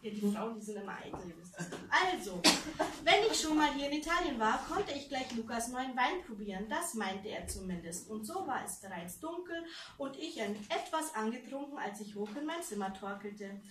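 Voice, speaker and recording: Author reading to fans, giggly asides; higher voice, distant, faint noise. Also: female voice, sing-song, moderate pace, reverberant. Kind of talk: live book reading with banter. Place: fan meeting room.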